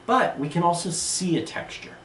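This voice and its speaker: In this video lesson, a man teaching art talks in a high-pitched voice at a moderate pace, explaining with lively enthusiasm. A little hiss or hum accompanies the roomy, distant-mic recording, made indoors beside a table and a sandstone wall.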